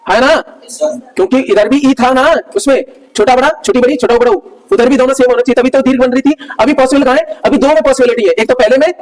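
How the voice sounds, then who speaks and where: A man's voice: very high voice, low-quality recording. A man teaching a grammar lesson to a class, explaining rules step by step and asking the students again and again whether they follow. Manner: keeps asking the class checking questions.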